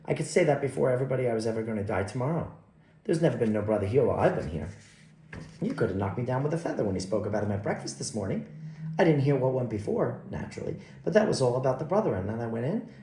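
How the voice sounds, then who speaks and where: A man's voice: mid-range voice, animated, rapid-fire, warm tone, echoey room, slight background noise, lightly acted. A man voicing a dignified, opinionated older woman who works as a cook-housekeeper and rambles placidly. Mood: gossiping.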